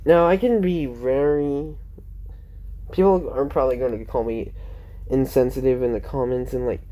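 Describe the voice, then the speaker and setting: A man's voice: mid-range voice, fairly even intonation, moderate pace, mellow, lo-fi sound. A teenage boy vlogging from home, rambling with lots of fillers and self-corrections, sounding close to tears. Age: teens. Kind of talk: casual rambling vlog.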